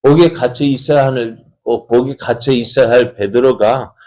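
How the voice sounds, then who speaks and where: A man's voice: mid-range voice, moderate pace, mellow. A man preaching at an early-morning prayer service, telling a Bible story with many rhetorical questions and acted-out dialogue. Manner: acts out the characters' dialogue in changing voices. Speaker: pastor.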